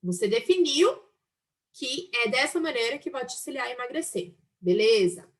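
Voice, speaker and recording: Brief: woman teacher, high voice, animated delivery, acts out quoted thoughts. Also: normal speed. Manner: acts out inner voices, lively and expressive. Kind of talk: online class on a self-help book.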